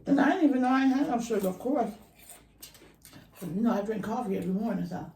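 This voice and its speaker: Woman eating n chatting casually, relaxed voice, kinda far from the mic in an echoey room. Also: fairly high pitch, a little hiss or hum. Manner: eating while talking, with pauses and murmurs. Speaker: vlog co-host. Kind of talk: casual chat while eating. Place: indoor room at a table. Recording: roomy echo, distant mic.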